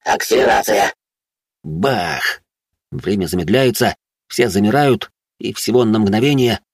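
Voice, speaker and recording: Husky low-voiced male narrator. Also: expressive, measured pace, no room sound, clean studio sound. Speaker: audiobook narrator. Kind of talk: first-person fantasy audiobook narration.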